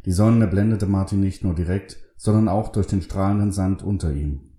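A man hosting his own show and reading a short story aloud in a calm, measured way. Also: deep voice, echoey room. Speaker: host and reader.

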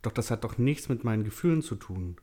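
A man's voice: mid-range voice, lively intonation, fast talker, voice pushed up, natural voice. A man voicing a young woman, a grieving but loving wife, in a spoken story. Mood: tender. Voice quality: soft, breathy when tender.

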